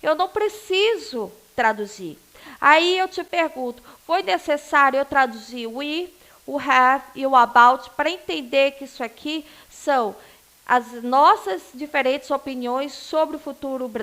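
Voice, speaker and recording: A woman's voice: high voice, expressive, a little slow, a bit bright. A married woman from Northeast Brazil teaching an English class online, chatty and digressive, with teasing asides to her students. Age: adult, married.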